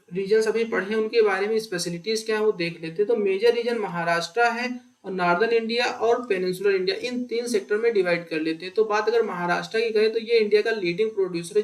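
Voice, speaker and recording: High-voiced man teaching an exam lesson. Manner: conversational, asks and answers his own questions. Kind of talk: explanatory exam-prep lecture.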